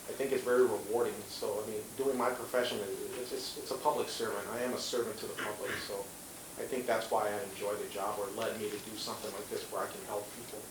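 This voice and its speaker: A man speaking on a career panel as a police officer, talking earnestly with many "you know" fillers and restarts. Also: mid-range voice. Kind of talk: panel answer, earnest and conversational. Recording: roomy echo, distant mic, faint hiss.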